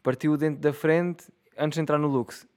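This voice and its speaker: A man's voice: on the high side, steady tone, normal speed, a little mellow, clear, resonant tone. A young man in his twenties with a European Portuguese accent, rambling and joking in a casual solo monologue, swearing freely and laughing at his own jokes. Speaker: solo podcaster.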